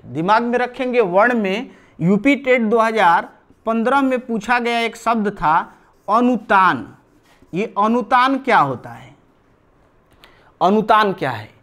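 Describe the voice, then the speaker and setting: A man teaching a live online grammar class, explaining step by step and repeating key terms while he writes on a board. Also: high voice.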